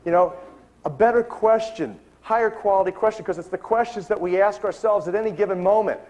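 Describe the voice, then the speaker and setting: A middle-aged man speaking to a live audience, telling a story with lively acted-out dialogue. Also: high voice, brisk. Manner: animated storytelling, acting out dialogue.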